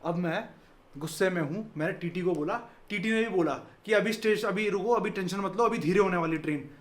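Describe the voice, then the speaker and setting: Animated young man telling a story. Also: high-pitched, brisk. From Delhi, India. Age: 20s. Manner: animated, acts out voices, laughs often. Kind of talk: casual chat.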